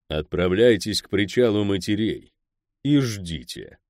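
A man's voice: on the low side, animated, a little mellow, no room sound, studio quality. Borg, a man playing a stern old crime boss. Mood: stern curt. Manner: slow, curt, grumbling.

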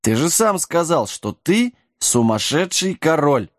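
Male reader as a stammering, frightened little gnome, pitched way up. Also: big pitch swings, measured pace, no room sound, studio quality. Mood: scared, pleading. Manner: stammering, drunkenly tongue-tied.

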